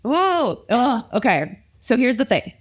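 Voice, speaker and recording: A woman co-hosting a drink tasting, chatting in a casual, rambling, jokey way with animated reactions. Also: fairly high pitch, takes it slowly, slightly rough. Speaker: host of a drink taste test. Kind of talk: casual unscripted banter while tasting drinks.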